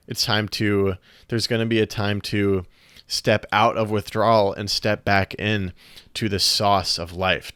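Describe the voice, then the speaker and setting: A man hosting a solo podcast, talking in an earnest, searching way with many restarts and pauses, a little out of breath. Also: lowish voice, fairly bright tone, clear, resonant tone, no echo, studio quality. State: slightly out of breath. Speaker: podcast host. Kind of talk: reflective solo podcast monologue.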